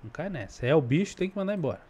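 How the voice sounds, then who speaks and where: A man's voice: on the high side, big pitch swings, racing, darkish tone, slight background noise. A man hosting, breaking in with earnest, casual preaching aimed straight at his viewers. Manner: earnest, addresses viewers directly. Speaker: host and preacher.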